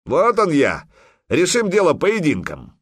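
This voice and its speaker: A man's voice: fairly high pitch, wildly swooping pitch, measured pace, a bit bright, husky, no room sound, studio quality, pitched above the performer's own voice, heavily acted. A man voicing a huge gray-bearded old warrior chief who taunts and bellows. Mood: mocking.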